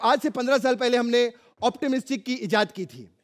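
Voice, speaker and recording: Cheeky high-voiced male comedian on stage. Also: a little fast. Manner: cheeky, teasing, punchline-driven. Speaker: stand-up comedian. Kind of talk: stand-up comedy roast. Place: TV comedy stage with live audience. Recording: live stage, crowd and noise.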